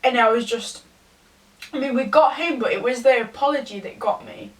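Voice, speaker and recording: A young woman, tipsy, giving a rambling, halting confessional rant to a camera some distance away. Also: a little high. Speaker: vlogger. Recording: distant from the mic.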